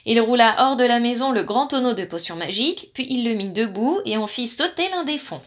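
Female storyteller, bright higher voice, playful read-aloud delivery. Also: expressive, fairly quick.

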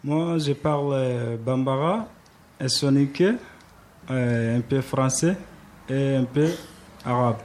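A male student from Mali introduces himself slowly and hesitantly. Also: mid-range voice, a little mellow. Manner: slow and hesitant.

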